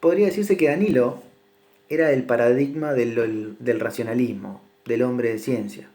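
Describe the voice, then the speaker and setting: A middle-aged man giving a recorded literature lesson from his home kitchen, speaking in a measured, reflective way with frequent fillers. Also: medium pitch, warm tone. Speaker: literature teacher.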